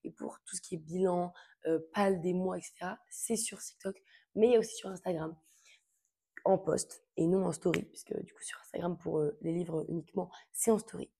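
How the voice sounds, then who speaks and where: A woman's voice: fairly low pitch, steady tone, fairly quick, creaky, mellow. A young woman chatting casually to camera about books she wants to read, informal and full of fillers. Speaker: book vlogger.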